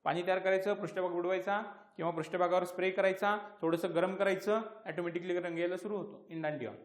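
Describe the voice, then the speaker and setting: A man's voice: high-pitched, fairly even intonation, fast, reverberant. A man with a Marathi accent giving an exam-prep lecture. He asks questions and answers them himself, repeating key terms. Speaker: teacher.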